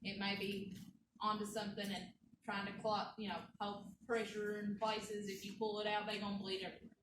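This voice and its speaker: A woman's voice: medium pitch, little pitch movement, a little fast. Woman lecturing in a classroom. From Kentucky. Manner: folksy, chatty, stops for war stories. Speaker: nursing instructor. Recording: roomy classroom, mic far off, noisy.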